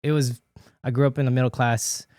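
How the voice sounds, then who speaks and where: A man's voice: medium pitch, little pitch movement, fairly quick, a little mellow, clear, resonant tone, no echo, clean studio sound. Chatty man in his late thirties. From Philippines, raised in Hawaii. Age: late 30s. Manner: loose and chatty, full of "you know" fillers and restarts, laughs often. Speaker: guest. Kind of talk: casual conversational interview.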